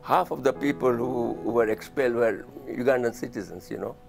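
Male interviewee, gravelly voice, explanatory and conversational. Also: medium pitch, fairly quick, a little mellow. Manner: explanatory, uses "you know". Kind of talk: interview commentary.

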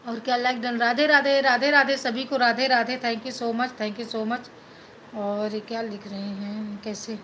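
Chatting on a phone live stream from a small room, this middle-aged woman from Madhya Pradesh, India, greets her viewers, answers their comments and keeps thanking them, slipping English into Hindi. The phone is held at arm's length, and faint room hiss runs under her bright, somewhat high voice. She speaks a little slowly with little pitch movement.

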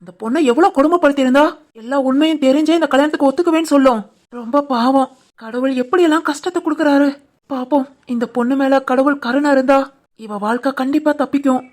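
A kind, worried young woman in a family cartoon, played by a woman. She talks fast in a high voice. She presses her point with urgency. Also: darkish tone, close to an everyday voice. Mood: pitying.

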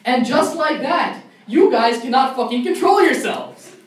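A man's voice: very high voice, animated, a little slow. A young man doing a stand-up comedy set at a college club show, ranting in mock outrage. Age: young adult. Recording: echoey room, mic far off, faint noise.

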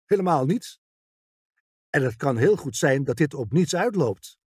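A woman's voice: low voice, expressive, measured pace, a little mellow, husky, no echo, clean studio sound, exaggerated voice. Male reader doing a breezy young female trainee cop, audiobook. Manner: breezy, worldly-wise. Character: young female police trainee, cheeky and upbeat.

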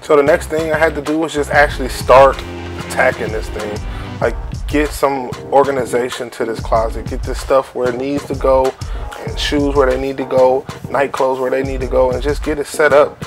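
A man from Cleveland in his thirties giving a relaxed, chatty closet-tour vlog narration at home. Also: medium pitch, normal speed, music in the background. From Cleveland, Ohio. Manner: relaxed, chatty, uses lots of fillers like "so yeah" and "like". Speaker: family vlogger.

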